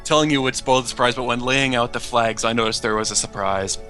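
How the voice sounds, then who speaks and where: A man's voice: mid-range voice, fast, sharp tone, faint music behind. A man chatting casually as co-host of a gaming stream, heard on a group internet call.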